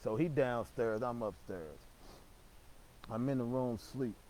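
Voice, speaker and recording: A man's voice: medium pitch, unhurried, darkish tone, a little hiss or hum, rough recording. A young man telling a casual story, rambling and slangy, with lots of swearing and stammered restarts.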